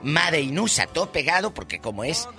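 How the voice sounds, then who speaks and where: A man's voice: on the high side, sing-song, brisk, bright, forceful tone, soft background music. A man from Mexico co-hosting a comic radio show, joking and acting out voices in his anecdotes. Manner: playful, acts out voices in anecdotes. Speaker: radio co-host.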